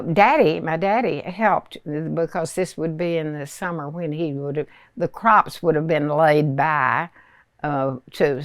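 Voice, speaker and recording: Very old southern lady in her 90s telling old memories, low gravelly voice, lots of pauses. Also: no echo, studio quality. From rural Arkansas, United States. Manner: hesitant, unhurried storytelling with pauses. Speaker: elderly interviewee recalling childhood. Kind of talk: reminiscing oral history.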